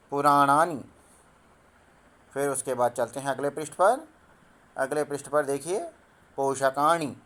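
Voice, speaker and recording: A male teacher giving a screen-recorded school lesson, reading lines slowly and deliberately, translating each one and spelling words out piece by piece. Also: medium pitch. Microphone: phone screen recorder.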